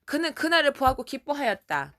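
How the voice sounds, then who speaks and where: A woman's voice: high voice, very animated, fairly quick, pushed and bright, pitched above the performer's own voice, heavily acted. A woman voicing a stern, solemn man who rebukes a crowd in a storybook retelling, firm and declaiming.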